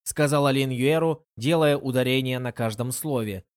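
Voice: medium pitch, normal speed. A narrator reading a storybook aloud. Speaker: audiobook narrator.

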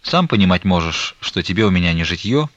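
A man reading the part of a stern, grieving old merchant, talking in a slow, weighty, reproachful way. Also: low voice, lively intonation, a bit bright, no echo, dull audio.

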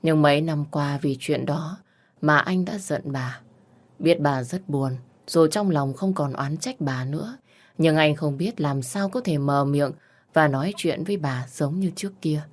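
Low-voiced woman narrating a romance story. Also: a little mellow.

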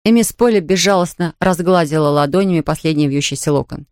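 A woman narrating an audiobook in an even, expressive storytelling manner. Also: sits low, brisk, dry recording, clean studio sound. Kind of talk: scripted narration.

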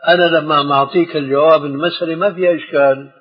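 A man's voice: fairly high pitch, steady tone, very fast, slightly rough. An older man with a Levantine Arabic accent, a scholar firmly steering a question-and-answer lesson, on a dull old tape recording. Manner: firm, steers the discussion.

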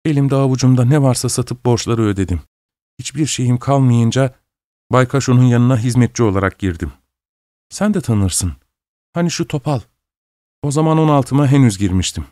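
A man's voice: medium pitch, dark tone, dry recording, studio quality, natural voice. A man reading an audiobook, voicing a grieving young woman who tearfully tells her long-lost brother her story. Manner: tearful, pleading, emotional.

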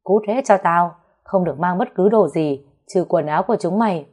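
A woman doing a hissing thug boss, loud threats, low dark voice, storybook tale. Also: fairly quick, slightly rough. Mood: menacing. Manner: hissing, shouting orders. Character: brutal male gang leader, snarling threats.

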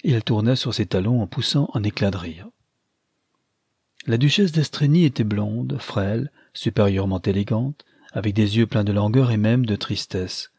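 Male audiobook narrator, measured and expressive; low, husky, dry. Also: dry recording. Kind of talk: scripted narration of a novel.

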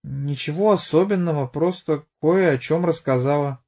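A man's voice: a little high, moderate pace, a little mellow, pitched above the performer's own voice. A man voicing an evasive young woman under questioning who flares up in anger, in an audiobook. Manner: evasive, hesitant, bursts out angrily.

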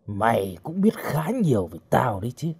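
A man voicing a brutal wanted outlaw interrogating a captive, talking in a low, gruff, threatening growl. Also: sing-song, moderate pace, darkish tone, exaggerated voice.

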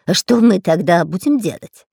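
A woman's voice: fairly low pitch, expressive, normal speed, vocal fry, warm tone, breathy edge, dry recording, studio quality, heavily acted. A woman voicing a sly male spy who talks through his nose and lies sweetly in a storybook reading. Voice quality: nasal. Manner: sly, wheedling.

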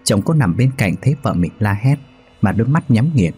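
A man calmly narrating a ghost story in a measured, scripted way. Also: fairly low pitch, slightly rough, soft background music.

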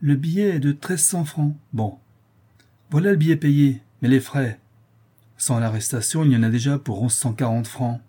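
A man's voice: medium pitch, moderate pace, warm tone, breathy edge, pitched above the performer's own voice, natural voice. A man reading an audiobook and voicing a brusque, mercenary bailiff who counts money and talks in curt, businesslike bursts.

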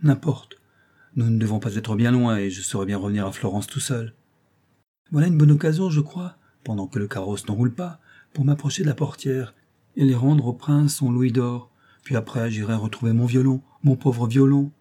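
Un homme lisant un petit garçon orphelin qui se lamente. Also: male voice, mid-range voice, moderate pace, warm tone, lightly acted. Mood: hopeful. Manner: lamenting, emphatic monologue. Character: poor orphan boy violinist, grieving and timid.

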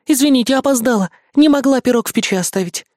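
A man's voice: very high voice, fast, a little mellow, dry recording, studio quality, voice pushed up. A man voicing a chatty young female fox in an audiobook, breathless and teasing. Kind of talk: audiobook character voice.

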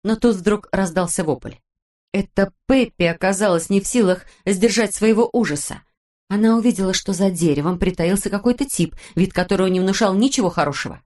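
A woman narrating a children's audiobook in an even, steady manner. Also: mid-range voice, brisk. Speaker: audiobook reader.

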